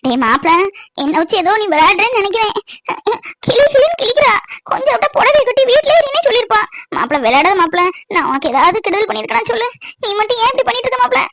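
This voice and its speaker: A meek young husband who pleads and grumbles in a timid way. His cartoon voice is high and quick, recorded dry and close. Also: very animated, fairly bright tone, dry recording, heavily acted. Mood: pleading. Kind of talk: cartoon voice acting.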